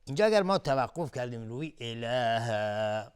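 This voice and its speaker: A man with a Persian accent gives a recitation lesson at an average pitch. He explains each rule in a level, matter-of-fact voice, then stretches out the verse examples slowly and more loudly. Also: lively intonation, smooth. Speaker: Quran recitation teacher. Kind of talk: tajwid lesson with chanted recitation.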